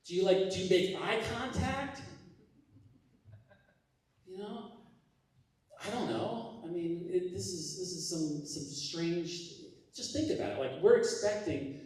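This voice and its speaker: A man doing a stand-up comedy set on a theater stage, with a halting, deadpan delivery full of fillers. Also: high voice. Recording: roomy hall sound from a distance. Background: audience laughing.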